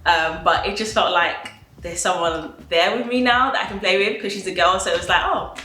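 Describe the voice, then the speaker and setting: A woman's voice: on the low side, brisk, pushed and bright. A woman in her twenties, a trainee solicitor, giving a chatty, light-hearted documentary interview. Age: 20s. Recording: echoey room with faint noise.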